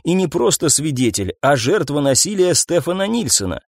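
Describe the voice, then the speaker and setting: A man's voice: fairly high pitch, very animated, no room sound, studio quality. A man voicing a hesitant, careful male police officer in a storybook reading. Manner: hesitant, measured.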